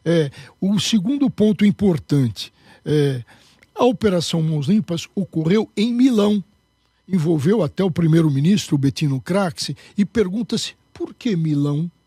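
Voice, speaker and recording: A man's voice: high voice, mellow, husky, no room sound, studio quality. A man answering as a guest in a political interview, emphatic and lecturing.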